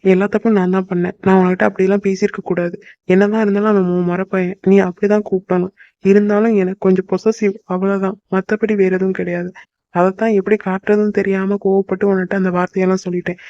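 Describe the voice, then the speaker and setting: A man's voice: high-pitched, level tone, fast talker, dark tone, no room sound. A man voicing a possessive but tender young boyfriend in a cartoon. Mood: apologetic. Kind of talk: cartoon voice acting. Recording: dull lo-fi dry recording.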